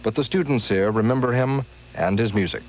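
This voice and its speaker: Measured male news correspondent. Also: lowish voice, a little mellow, a little hiss or hum, poor audio. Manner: measured, formal reporting. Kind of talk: scripted news report.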